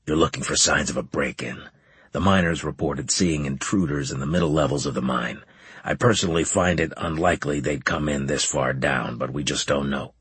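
A man voicing a gruff military officer who gives curt, clipped orders in a deeper voice than his narration. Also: fairly quick, a bit bright, dry recording, full character voice. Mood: stern. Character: gruff commanding male centurion officer.

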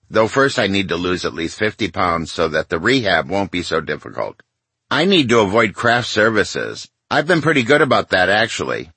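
A man's voice: low-pitched, bright, forceful tone, husky, no room sound. A man in his sixties reading his memoir aloud to his mother, wry and confiding, with self-mocking asides. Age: 60s. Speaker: memoir author.

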